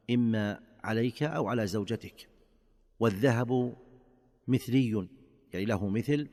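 Sheikh guy, lowish voice, formal standard arabic, measured phrases, lots of reverb. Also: darkish tone. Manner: measured, speaking in short deliberate phrases. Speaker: religious scholar, guest.

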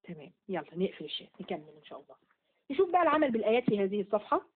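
A woman with an Egyptian accent teaching an online Quran lesson, asking quick questions and repeating key words. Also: medium pitch, big pitch swings, husky. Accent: Egyptian Arabic. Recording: phone-like narrow audio.

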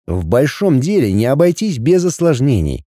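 A man reading an audiobook as narrator, telling the story in an expressive, wry way. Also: medium pitch, moderate pace, no room sound, studio quality.

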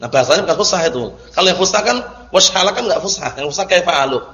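A man's voice: a little high, animated, rapid-fire, fairly bright tone. A male teacher giving a classroom grammar lesson, explaining terms and often checking that students understand. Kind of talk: classroom lecture. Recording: dull lo-fi recording in echoey hall.

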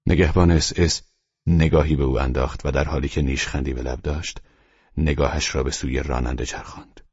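A man reading an audiobook in grave, measured scripted narration, on a dull, dry lo-fi recording. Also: extremely low pitch, fairly even intonation, a little mellow, slightly rough, no room sound.

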